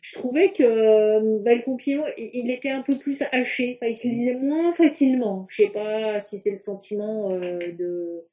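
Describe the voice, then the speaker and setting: A woman's voice: on the high side, moderate pace, few pauses, warm tone. A woman teacher giving casual, hesitant feedback to students over a video call, with many restarts. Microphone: video call on computer.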